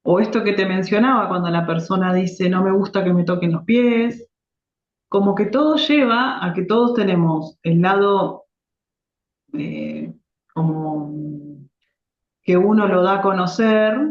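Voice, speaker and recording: A middle-aged woman with a Rioplatense Spanish accent, a reflexology therapist calmly explaining her ideas as a podcast guest. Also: medium pitch. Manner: reflective, explanatory, with frequent restarts. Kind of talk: conversational interview. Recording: echoey, dull lo-fi remote audio.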